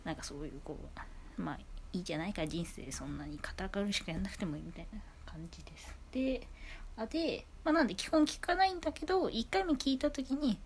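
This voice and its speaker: A woman talking casually into a phone on a low table at home, her voice high, clear and carrying. She rambles through her thoughts with plenty of fillers and asides. Her pitch moves lively and widely as she talks. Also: fast, a little hiss or hum. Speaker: podcast host. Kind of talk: casual solo podcast talk. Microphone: iPhone on a low table.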